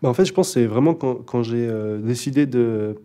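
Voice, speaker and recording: A young rapper guest talks casually in an interview, his mellow voice medium in pitch and fairly quick. He sounds relaxed and unsure, with plenty of fillers and restarts.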